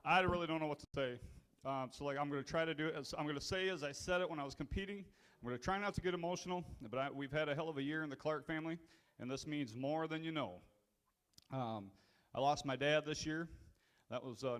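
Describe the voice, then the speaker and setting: A man who is an auctioneer, giving a speech and then calling bids in a fast rhythmic chant at an event. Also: mid-range voice, fairly bright tone. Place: event hall.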